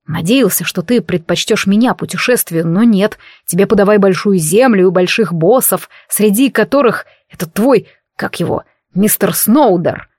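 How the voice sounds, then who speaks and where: A woman voicing a centuries-old male warlock king in an audiobook, speaking slowly and intimately in a teasing, possessive tone. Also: medium pitch, a little mellow, dry recording, studio quality, lightly acted. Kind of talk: audiobook character reading.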